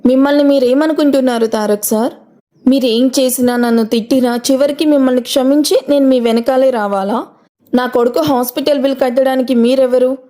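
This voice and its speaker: A woman's voice: high-pitched, steady tone, fairly quick, dark tone, close to an everyday voice. A woman voicing a hurt, defiant young mother. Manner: firm, reproachful.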